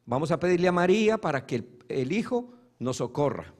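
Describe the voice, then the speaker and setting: Man, pastor preaching a sermon, high voice, loud peaks and hushed asides. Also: big pitch swings, brisk. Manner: preaching with swings between loud emphasis and soft, hushed asides.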